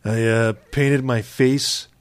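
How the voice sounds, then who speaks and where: A man's voice: medium pitch, fairly even intonation, slow pace, no echo. A man co-hosting a podcast in casual banter, joking crudely and swearing often. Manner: crude, profane joking with frequent laughs. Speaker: podcast co-host.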